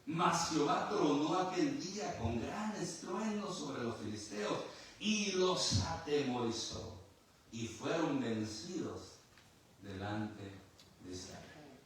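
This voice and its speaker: A man's voice: on the high side, expressive, takes it slowly. Man preaching in a very echoey hall. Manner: emphatic preaching with rhetorical questions and repetition. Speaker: pastor. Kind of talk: sermon. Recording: very echoey room from far off.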